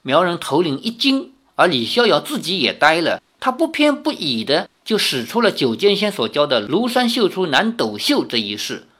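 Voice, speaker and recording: A woman reading a novel aloud, expressive, with casual asides to her listeners. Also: fairly low pitch, normal speed, hardly any pauses, breathy edge. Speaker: storyteller.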